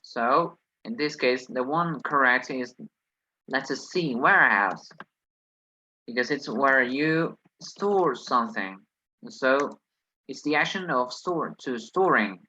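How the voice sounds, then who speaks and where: A man's voice: mid-range voice, animated, slow pace, bright, forceful tone, highs cut off. A man who is not a native English speaker teaches an online lesson, reasoning hesitantly through exercises with many fillers. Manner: hesitant, thinks aloud, many "well"s.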